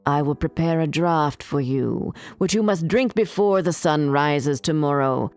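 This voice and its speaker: A woman doing a slow, low wicked sea witch. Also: darkish tone, soft background music. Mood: menacing. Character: wicked old female sea witch, cold and menacing.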